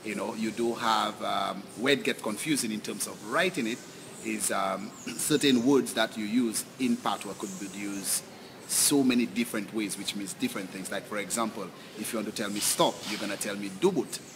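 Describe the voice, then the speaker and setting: A man's voice: fairly low pitch, moderate pace, vocal fry. A man with a Saint Lucian accent informally explaining his language, a little hesitantly and by example. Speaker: local man explaining Creole. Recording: noisy outdoor location recording.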